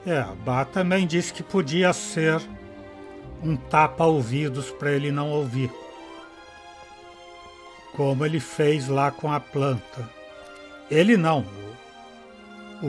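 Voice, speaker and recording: A man's voice: on the high side, measured pace, pauses often. A man casually commenting through a game playthrough, reading his choices aloud. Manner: relaxed, reads choices aloud. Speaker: gameplay streamer. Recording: game music underneath.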